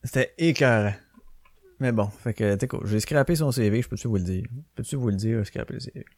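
A man with a Québécois French accent holds forth alone on his podcast, loose and profane, slipping into quoted voices as he tells his stories. His pitch sits in the middle range. The recording is close and dry, with no room sound. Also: brisk, darkish tone, no echo. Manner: swearing, ranting storyteller who acts out quotes. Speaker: podcast host. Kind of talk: casual solo podcast monologue.

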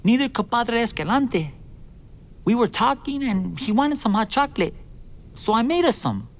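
A man voicing a sly fifteen-year-old boy who feigns innocence in a smooth, calm way, in a dramatized audiobook. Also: very high voice, moderate pace, voice pushed up, heavily acted. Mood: innocent.

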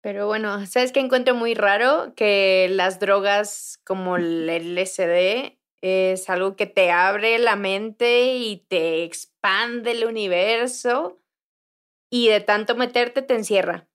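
A woman's voice: medium pitch, slow, clear, resonant tone. A woman with a Mexican accent in casual podcast chat, musing as she talks. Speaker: podcast co-host.

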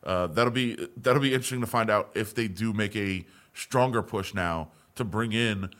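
A man co-hosts a casual sports podcast. His voice sits on the low side, and he talks in loose, conversational runs, often restarting his sentences. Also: moderate pace, a bit bright. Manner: conversational, with frequent restarts and fillers. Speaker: podcast co-host.

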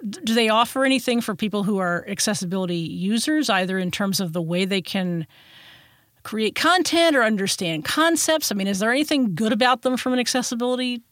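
A woman's voice: medium pitch, expressive, fairly quick, a bit bright, no room sound, studio quality. A woman hosting an interview, asking thoughtful questions with many hedging fillers. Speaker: podcast host.

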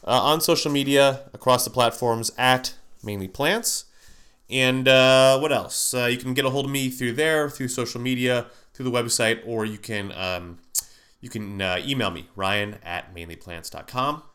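A man of medium pitch hosts a podcast on his own, chatting casually at normal speed with a fairly bright tone. Congestion from a sinus cold makes him sound nasal, and he rambles, restarting often and leaning on fillers.

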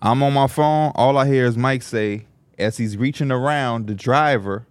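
A man co-hosting a podcast, telling a story in casual slang and jumping into high voices to quote people. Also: normal speed, no room sound. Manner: slangy, laughs through his stories. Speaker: podcast co-host.

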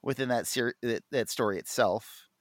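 A man's voice: mid-range voice, moderate pace, dry recording, clean studio sound. Rambling man chatting about comics. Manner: rambling, enthusiastic, many fillers and restarts. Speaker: podcast co-host. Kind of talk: casual comic book chat.

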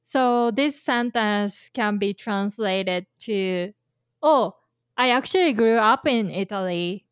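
Slow-talking woman teaching Japanese. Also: mid-range voice, clean tone, dry recording, studio quality. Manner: explains with imagined scenarios, many fillers. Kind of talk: casual language lesson chat.

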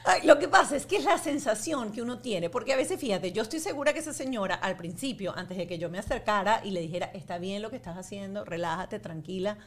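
A woman hosts a casual podcast interview, her voice sitting a little high. She tells anecdotes with animated energy and laughs often along the way. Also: fast, hardly any pauses. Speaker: podcast host.

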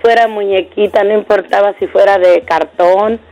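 A middle-aged woman sharing a childhood memory on a radio show, soft and wistful. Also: medium pitch, fairly even intonation, moderate pace, dry recording, dull audio. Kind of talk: storytelling on air.

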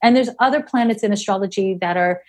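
A woman's voice: medium pitch, fast, darkish tone. A woman in her forties, an astrologer being interviewed, speaking frankly and bluntly with casual swearing. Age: 40s. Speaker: astrologer guest.

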